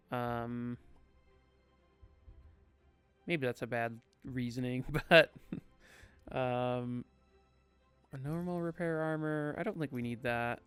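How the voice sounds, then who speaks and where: A young man giving casual, unhurried commentary while playing a game, tired and yawning, thinking aloud with many pauses and fillers. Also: medium pitch, fairly bright tone, smooth. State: sleepy. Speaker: gaming streamer.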